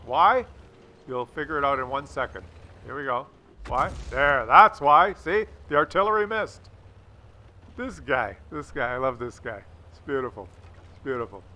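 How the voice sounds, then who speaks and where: Over faint game sounds, a male gaming host talks through a replay with casual, sarcastic wit, teasing and joking crudely. His medium-pitched voice comes across pushed and bright.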